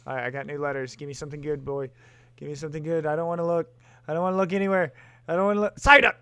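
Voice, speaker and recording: A young man co-hosting a game stream, relaxed and rambling, laughing easily. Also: a little high, very fast, clean tone, dry recording. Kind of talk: casual gameplay commentary.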